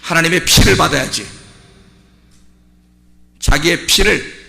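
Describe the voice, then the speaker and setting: A male pastor preaching a sermon in a conversational way, dropping to quiet asides and then rising to shouted exhortation. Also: fairly high pitch, unhurried, gravelly, in a large hall, background noise. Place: church sanctuary.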